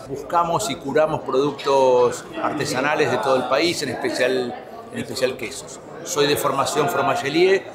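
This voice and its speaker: A man introduces himself to camera as a competition judge, steady and a little formal. A loud crowd fills the background of the recording. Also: mid-range voice. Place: festival, indoors. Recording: loud crowd noise behind.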